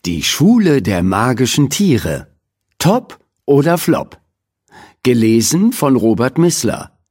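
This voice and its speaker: A man reading a children's audiobook aloud in an expressive storytelling manner. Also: mid-range voice, takes it slowly, slightly rough. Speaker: audiobook reader. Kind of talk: scripted audiobook narration.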